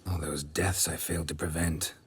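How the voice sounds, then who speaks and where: A gruff, deep monster hunter. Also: male voice, level tone, moderate pace, heavily acted. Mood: weary. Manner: terse, muttered, clipped. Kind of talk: video game dialogue. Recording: game audio with music underneath.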